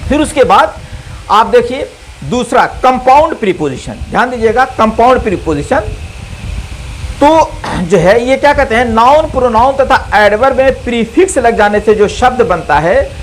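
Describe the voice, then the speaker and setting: A man's voice: very high-pitched, animated, slight background noise, rough recording. Man teaching grammar, repeating key terms. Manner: slow, repeats key terms, asks and answers himself. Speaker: English teacher. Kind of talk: recorded grammar lesson.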